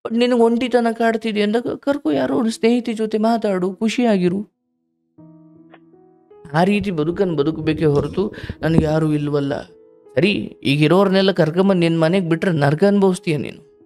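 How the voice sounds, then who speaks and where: A man's voice: high voice, moderate pace, soft background music. A man hosting a live call-in counseling show, giving fatherly spiritual advice to a caller and sometimes acting out what people say. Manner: warm, fatherly, preaching advice with acted quotes.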